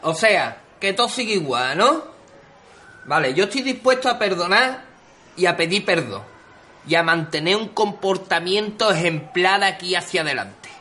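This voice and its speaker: An actor playing a man who tries to smooth things over. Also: high voice, lively intonation, normal speed, bright, forceful tone, a little hiss or hum. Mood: placating.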